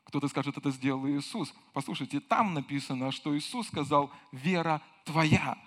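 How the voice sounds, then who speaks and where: A man delivers a passionate sermon in a high, ringing voice. He drops to near whispers, then builds back up to loud exclamations. He repeats his phrases again and again for emphasis. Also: moderate pace. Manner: impassioned preaching, swinging from low murmurs to loud cries. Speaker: pastor.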